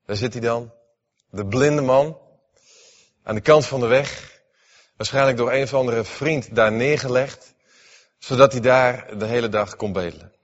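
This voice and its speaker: A man preaching a sermon in a church, reading scripture and then expounding it, dramatic, swinging between raised emphatic lines and hushed ones. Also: medium pitch, unhurried, pauses often. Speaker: pastor. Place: church hall. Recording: dull, hall with long reverb.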